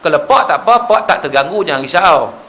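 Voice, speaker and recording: A man preaching a lively, humorous sermon in a mosque, full of rhetorical questions. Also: on the high side, fast talker. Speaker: religious preacher. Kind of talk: animated sermon. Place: mosque prayer hall.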